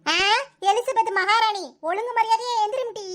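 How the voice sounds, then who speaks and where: A woman voicing a sharp-tongued, proud old mother-in-law in a comic cartoon, nagging and sarcastic, with a Kanyakumari Tamil accent. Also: very high-pitched, fairly even intonation, normal speed. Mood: scolding.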